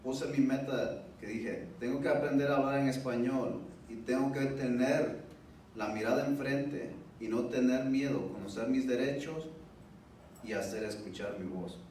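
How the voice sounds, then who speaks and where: In a very echoey indoor event room, a man speaks Spanish a little slowly in a mid-range, somewhat mellow voice. It is a personal testimony at a public event, recorded from a distance with faint background noise.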